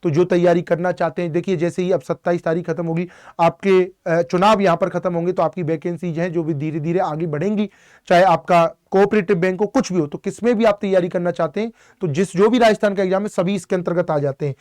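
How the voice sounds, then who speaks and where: Male tutor with a high voice, drilling exam words with rhetorical questions. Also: steady tone, darkish tone. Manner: drills each word with repeated rhetorical questions; draws out words slowly for emphasis. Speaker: Hindi teacher. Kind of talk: online exam-prep lesson.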